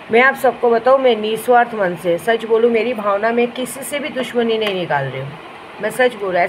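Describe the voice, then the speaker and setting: A woman's voice: mid-range voice, poor audio. A woman speaks in an insistent, repetitive way, talking straight to her viewers in a casual vlog. She records in a hotel room. Faint traffic and ambience sit underneath her voice. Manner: insistent, repeats appeals and denials. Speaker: self-styled aghori tantric vlogger. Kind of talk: casual direct-to-camera vlog.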